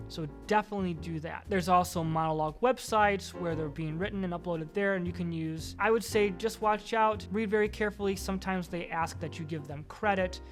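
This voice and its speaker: A man hosting his own vlog, giving friendly, encouraging advice on acting as an instructional talk. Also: high voice. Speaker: acting coach vlogger.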